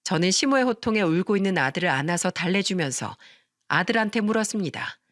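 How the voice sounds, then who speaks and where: A woman narrating a story in expressive radio-story style. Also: medium pitch, fairly quick, no echo, studio quality.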